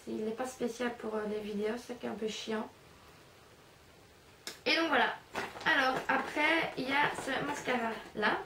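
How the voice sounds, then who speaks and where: A young woman talks through her favourite products in a loose, rambling way, full of fillers and jokes at her own expense. Her voice sits a bit high and rings around a bare, echoey room, picked up from a little way off by the camera's own mic, with faint room hiss. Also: steady tone, moderate pace, long pauses, recorded from a distance. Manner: chatty, rambling, self-mocking, many fillers. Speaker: beauty vlogger. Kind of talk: casual product review vlog. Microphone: camera's built-in mic.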